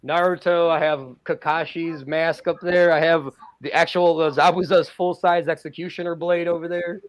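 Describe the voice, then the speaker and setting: A man chatting casually as a podcast guest, talking excitedly with lots of fillers about his art. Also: on the high side, moderate pace. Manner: excited, rambling, many fillers. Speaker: guest artist.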